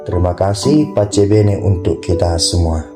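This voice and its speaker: Earnest low-voiced young friar. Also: male voice, a little slow. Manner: friendly, earnest. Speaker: Capuchin friar. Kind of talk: personal vocation testimony. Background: guitar music.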